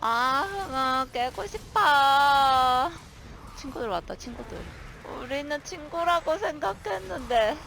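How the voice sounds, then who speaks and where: A woman gamer commentating her own play in an excitable, animated way, barking commands and cursing at monsters. Her voice is bright and slightly gravelly, with a slow, drawn-out delivery. Faint game music plays behind her. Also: high-pitched, a little hiss or hum. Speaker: gaming streamer. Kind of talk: live gameplay commentary.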